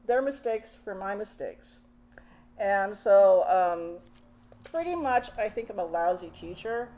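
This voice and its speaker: An older woman, a poet, giving a reading of her own poems with casual spoken introductions between them, measured and unhurried. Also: medium pitch, mellow, low-quality recording.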